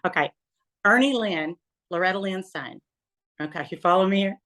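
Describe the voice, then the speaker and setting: A woman's voice: on the low side, normal speed. A woman in her fifties from Tennessee with a Southern accent, chatting as an interview guest and telling stories with laughter. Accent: Southern American. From Tennessee, USA. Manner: chatty, laughing, animated storyteller. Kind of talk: casual interview storytelling.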